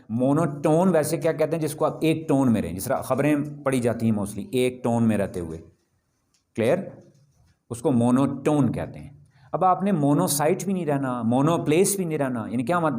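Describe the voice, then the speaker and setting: A man giving a classroom lecture as a presentation skills trainer, emphatic and lively, mixing English phrases into his talk and often checking whether students follow. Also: fairly high pitch. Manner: mixes English phrases into Hindi-Urdu.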